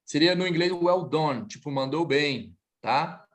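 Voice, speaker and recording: Animated man teaching French. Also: fairly high pitch. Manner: lively, switches between Portuguese and French, slows to model phrases. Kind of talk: online class correcting students.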